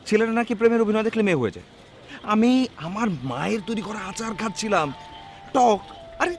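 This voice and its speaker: An actor playing a fed-up young husband who complains in an exasperated way, in a comedy TV drama. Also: male voice, high-pitched, a bit bright. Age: young adult.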